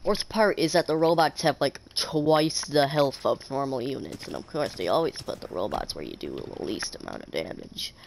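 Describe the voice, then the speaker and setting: Young man, game commentary, sarcastic, stuffy nose, gravelly, faint hiss. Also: medium pitch, sing-song, normal speed, hardly any pauses. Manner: sarcastic, jokey, talks to enemies. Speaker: gameplay commentator. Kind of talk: casual let's-play commentary.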